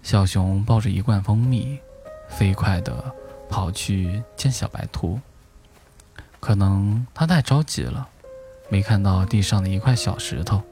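Slow, mellow-voiced man reading a bedtime story. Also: fairly low pitch. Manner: gentle, unhurried storytelling, lightly voicing the animal characters. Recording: soft music behind the voice. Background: soft instrumental music.

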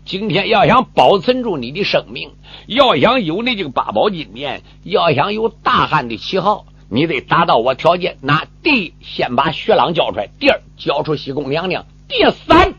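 A man doing a rash young general, fierce and loud. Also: a little high, big pitch swings, moderate pace, breathy edge, exaggerated voice. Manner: shouting, blunt. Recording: lo-fi with loud drum accompaniment.

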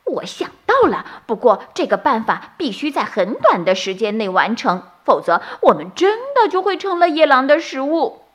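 A clever little rabbit, the eldest of three, speaks in a high, confident voice, as a woman storyteller puts it on. It sounds self-assured and full of ideas. It belongs to a children's bedtime storybook. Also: big pitch swings, moderate pace.

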